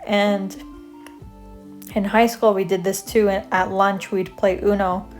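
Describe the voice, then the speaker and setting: A soft-spoken young woman from Canada, casually telling stories about her school years in a rambling, self-deprecating way while she draws, with light music playing behind her. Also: mid-range voice, flat delivery, slow pace. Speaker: vlogger. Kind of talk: casual storytelling over drawing.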